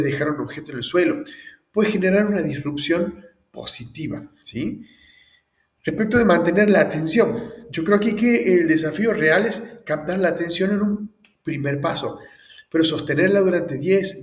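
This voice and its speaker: A man's voice: fairly high pitch, roomy sound, distant mic. A man teaching public speaking techniques in a recorded lecture, often checking in with the audience. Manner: frequent checks like "¿bien?" and "¿sí?", lively emphasis.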